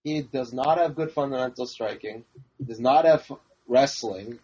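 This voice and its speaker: Panelist: husky man, blunt, swears freely, muffled lo-fi mic. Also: mid-range voice, normal speed. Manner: blunt, profane, animated. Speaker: podcast panelist. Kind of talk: casual fight-prediction chat.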